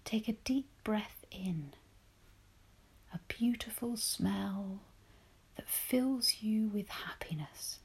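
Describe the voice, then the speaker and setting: Female meditation guide: hushed, airy spa whisper, leisurely and soothing, leaving long pauses between gentle instructions. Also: mid-range voice. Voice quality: breathy, whispery.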